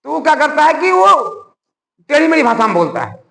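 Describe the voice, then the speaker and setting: A man with a very high voice gives a class lecture. His pitch rises and falls a lot, and he often asks the class questions. The recording has a long echo, like a classroom. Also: a little fast, creaky. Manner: animated, conversational, asks the class rhetorical questions. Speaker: school science teacher. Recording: echoey room with long reverb.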